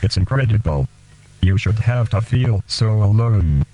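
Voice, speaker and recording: A man hosting a radio show, speaking in slow, deliberate, halting phrases and reading poems aloud. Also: lowish voice, lively intonation, over music, low-quality recording. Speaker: radio host.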